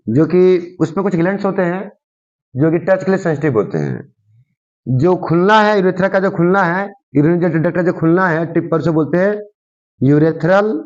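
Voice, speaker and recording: High-voiced male teacher on dull audio. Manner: repeats key terms and quizzes the viewer with "what is it called?". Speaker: science teacher. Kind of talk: explaining a diagram in a class lesson.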